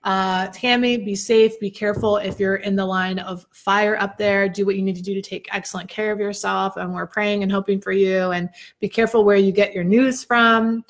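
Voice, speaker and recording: A woman's voice: medium pitch, fairly even intonation, normal speed, few pauses. Chatty woman co-hosting a podcast. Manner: chatty, teasing. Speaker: podcast co-host. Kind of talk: casual chat.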